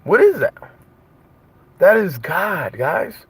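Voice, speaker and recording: A man's voice: high-pitched, wildly swooping pitch, slow pace, husky, dry recording. A man preaching in an impassioned monologue, piling up rhetorical questions and repetition. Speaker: host.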